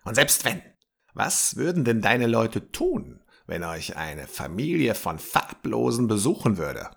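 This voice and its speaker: Man playing an old bearded man, grumbling, slow, gravelly voice, husky, grave warnings. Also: lowish voice, big pitch swings, pitched above the performer's own voice, exaggerated voice. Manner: slow, grave warnings, sometimes dropping to a whisper.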